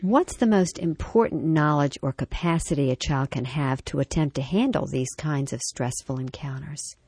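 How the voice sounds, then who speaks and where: A woman with a notably low voice hosts a parenting program. She reads a story and then interviews a guest in a measured, thoughtful manner. The recording is dry and close. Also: a little mellow, husky, no room sound. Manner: measured and reflective. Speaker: radio talk show host. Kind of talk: scripted story reading and interview.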